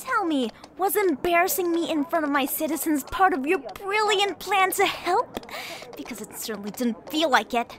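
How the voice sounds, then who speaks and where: A woman playing high-voiced regal Princess Cadance. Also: moderate pace, a little hiss or hum. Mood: exasperated, indignant. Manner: haughty, regal, expressive. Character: proud, exasperated young pony princess, regal but kind. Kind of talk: fan radio drama voice acting.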